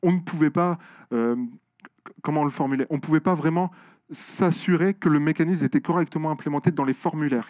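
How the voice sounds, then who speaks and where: A man's voice: fairly high pitch, darkish tone, no room sound. Hesitant French-speaking man, dry sound. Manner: hesitant, many fillers and restarts, explanatory. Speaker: conference speaker on software security. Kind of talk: conference Q&A answers. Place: lecture room.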